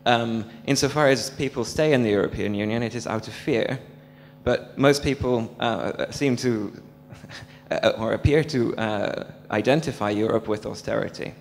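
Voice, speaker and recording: A young man from Serbia asking an earnest question from the audience into a handheld mic, talking fast with many fillers. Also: mid-range voice, creaky, faint music behind. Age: young adult. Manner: rapid and earnest, thick with fillers. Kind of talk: public Q&A question. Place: large dark hall with an audience, standing. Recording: hall reverb with a faint hum.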